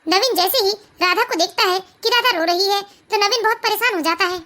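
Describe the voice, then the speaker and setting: A woman narrating an animated family story in a plain, steady storytelling manner. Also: very high-pitched, fairly quick.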